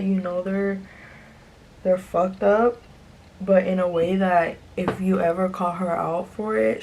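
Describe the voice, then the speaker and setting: A young adult woman chatting confessionally in a laid-back stoner drawl, slangy and sweary, with a gravelly fry to her voice. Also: on the low side, a little mellow, a little hiss or hum, low-quality recording. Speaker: vlogger. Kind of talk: confessional casual chat.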